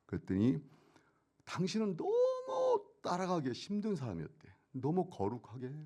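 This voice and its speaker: A middle-aged man stands as a church elder and gives his testimony in a very lively, rising and falling voice. He jumps from loud, pressing bursts to hushed asides. He often asks a question and answers it himself. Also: sits high, measured pace. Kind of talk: testimony sermon.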